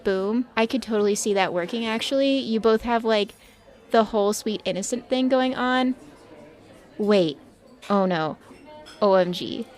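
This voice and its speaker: A woman's voice: medium pitch, unhurried, pauses often, darkish tone, lightly acted. An actress playing a nosy young woman who teases and gossips nonstop. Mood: teasing. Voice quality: teasing, chatty. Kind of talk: audio drama acting.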